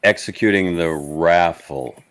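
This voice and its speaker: Very deep, unhurried man. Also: fairly bright tone, clear, resonant tone. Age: 50s. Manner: low, unhurried, slow-sounding delivery. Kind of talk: casual group chat.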